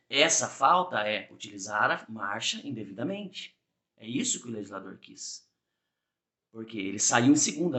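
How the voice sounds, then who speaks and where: A man's voice: mid-range voice, sharp tone. A man with a Brazilian Portuguese accent, a driving exam instructor giving a conversational video lesson, often checking in with "tá?" and acting out small examples. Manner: conversational, frequent "tá?" tag questions; acts out examples with small voiced asides.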